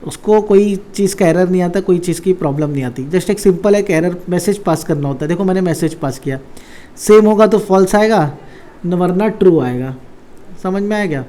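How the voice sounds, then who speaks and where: This programming teacher has a high but dark-toned voice and speaks at a normal speed. His casual coding lesson stays conversational, peppered with rhetorical questions that quiz the audience.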